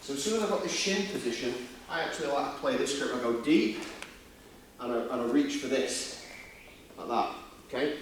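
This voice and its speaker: A man with a Yorkshire accent coaching a martial arts seminar, talking through demonstrations step by step in an informal, blokey way with quick checking questions. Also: mid-range voice. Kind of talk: hands-on demonstration teaching with casual banter. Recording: echoey room, distant mic, faint noise.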